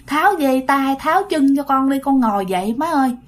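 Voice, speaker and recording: A woman's voice: high voice, expressive, brisk. A woman voicing a weak woman who has just come back from the dead, speaking faintly. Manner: faint, whispery.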